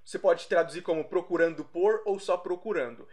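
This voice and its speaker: A young Brazilian man teaching a casual English lesson, explaining slowly, repeating himself and correcting his own slips. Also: sits high, darkish tone. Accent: Brazilian Portuguese.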